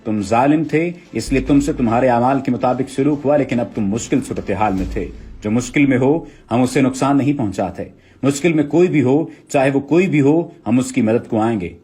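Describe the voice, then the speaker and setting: A man reading the lines of a confident, devout grown warrior chief, calm and firm, in a dramatic reading of dialogue. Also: mid-range voice, brisk, slightly rough, faint music behind, natural voice. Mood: assured.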